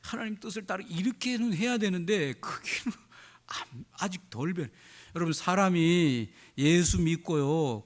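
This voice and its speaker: A man's voice: fairly high pitch, darkish tone. A man preaching a sermon as a pastor. He acts out quoted prayers and keeps asking the congregation questions.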